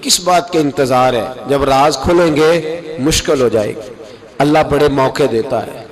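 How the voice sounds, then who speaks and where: A man preaching an impassioned sermon, exhorting his listeners and rising to loud, high calls. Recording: sermon recorded with a crowd audible.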